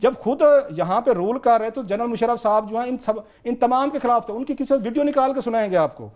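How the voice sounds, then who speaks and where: A man's voice: extremely high pitch, a little fast, a little mellow. A man with a Pakistani accent, a political commentator arguing his point on a TV talk show with urgent, repetitive emphasis.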